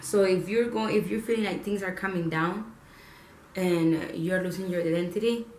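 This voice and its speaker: A woman's voice: fairly low pitch, moderate pace, roomy sound, poor audio. A young woman talks straight to camera in a loose, chatty way, peppering her talk with "like" and swearing. Her voice rings around a reflective room, with a faint hum of ambience behind her. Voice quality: animated, swears freely, lots of "like". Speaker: vlogger. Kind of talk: casual spiritual vlog talk.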